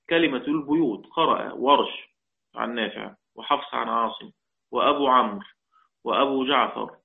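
A man with an Egyptian accent teaching the Quranic readings, drawing out quoted verses slowly and checking in with his listeners. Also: mid-range voice, gravelly. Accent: Egyptian Arabic. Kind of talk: religious lesson explaining a poem on the readings. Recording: tinny phone-like audio.

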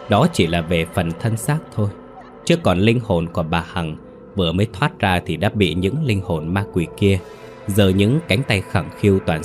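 A man reading a horror story aloud in a grim, dramatic storytelling manner. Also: low-pitched. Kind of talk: scripted narration.

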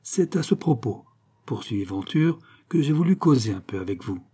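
A man reading an audiobook and voicing a smooth-talking, menacing male villain with falsely genial politeness. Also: mid-range voice, animated, normal speed, mellow. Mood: mock-polite.

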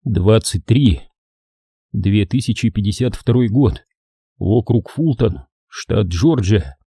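Scripted narration comes from a man with a low, very dark and husky voice, reading an audiobook at an even, measured rate. It's recorded close to the mic, dry, without any room sound.

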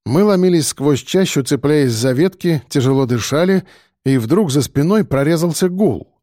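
A male audiobook narrator with a dark, mellow timbre, telling a first-person story in a steady and tense way. The recording is dry and close, with no room around the voice. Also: fairly high pitch, normal speed, no echo.

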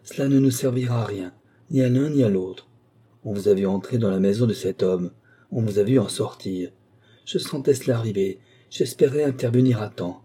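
Guy reading a tired old lawyer, slow and gentle, dark husky voice. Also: lowish voice. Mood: pleading. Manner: slow, gentle and pleading, with heavy pauses. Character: aging man, a weary, grave village lawyer.

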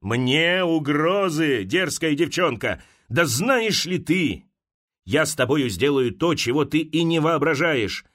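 A man reading an audiobook, voicing a stern, domineering old general who scolds and threatens his daughter in a slow, gruff way. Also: fairly high pitch, lively intonation, fairly bright tone, heavily acted.

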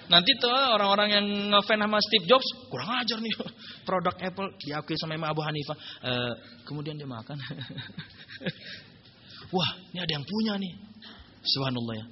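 A male Islamic preacher telling a story in a humorous religious lecture, joking and animated. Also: high voice, normal speed, long pauses, muffled recording, slight background noise.

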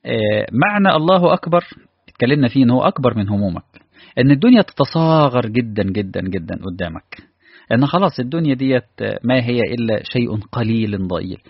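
A man with an Egyptian accent preaching a sermon, animated and asking his listeners rhetorical questions. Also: mid-range voice, fast talker, slightly rough, no echo. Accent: Egyptian Arabic. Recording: dull, lo-fi dry recording.

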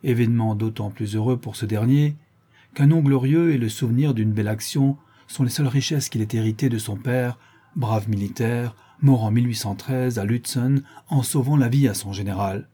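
A man's voice: mid-range voice, moderate pace, warm tone, breathy edge, close to an everyday voice. A man reading as a polite young nobleman. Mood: respectful. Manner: deferential, explanatory. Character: respectful young nobleman messenger. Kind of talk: audiobook reading.

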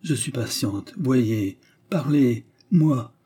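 A man reading an audiobook voices an imprisoned countess who pleads, rages and schemes in shrill outbursts. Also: animated, very slow, dark tone, slightly rough, full character voice. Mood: frantic.

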